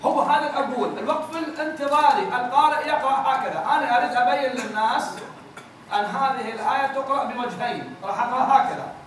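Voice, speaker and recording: Male recitation teacher, very high voice, patient and repetitive, chants examples; booming echoey room, mic far off. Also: a bit bright, slight background noise. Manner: explains patiently, repeats words, chants verses slowly. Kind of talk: classroom lesson with chanted examples.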